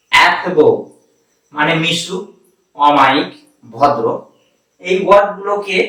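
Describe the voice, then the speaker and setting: A Bangladeshi-accented man runs an online pronunciation lesson. He repeats each word slowly several times before explaining it. His voice is bright and a little raised, heard in a very echoey room from some way off the mic. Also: fairly high pitch, far from the mic. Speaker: English pronunciation teacher.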